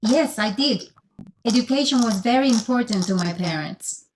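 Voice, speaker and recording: A woman's voice: fairly high pitch, lively intonation, normal speed, a little hiss or hum, lightly acted, rough recording. An actress playing an interviewed female orphanage founder in a scripted course-audio recording, reading her answers evenly and carefully. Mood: calm.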